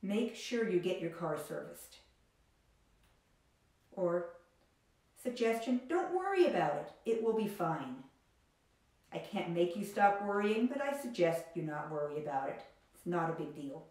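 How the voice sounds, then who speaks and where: A woman with a lowish voice teaches English grammar in a slow, clear way, reading out example sentences. The recording carries heavy room echo. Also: expressive, a little mellow. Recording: very echoey room.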